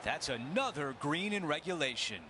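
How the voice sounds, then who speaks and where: A slightly high-voiced man calling golf shots in short, lively lines with a very animated pitch. Faint noise sits in the background of this scripted game commentary. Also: moderate pace.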